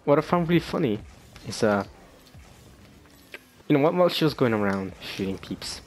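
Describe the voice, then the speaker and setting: A man's voice: medium pitch, animated, normal speed. Rambling young man vlogging. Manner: rambling, many fillers and restarts, laughs often. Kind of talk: casual chat.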